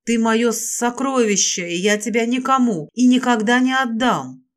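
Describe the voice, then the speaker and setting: A woman voicing a possessive, domineering male serpent lord in an audiobook, speaking low and commanding. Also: lively intonation, moderate pace, lightly acted.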